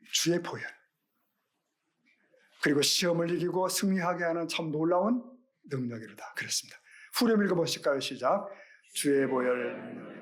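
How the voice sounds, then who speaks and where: A man's voice: fairly high pitch, a bit bright. A middle-aged male pastor giving a Sunday sermon, earnest and questioning, with rhetorical questions to the congregation.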